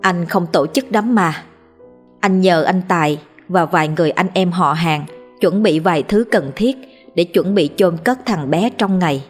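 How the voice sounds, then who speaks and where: A woman narrating a ghost story in a measured, somber storytelling voice. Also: lowish voice. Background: faint music.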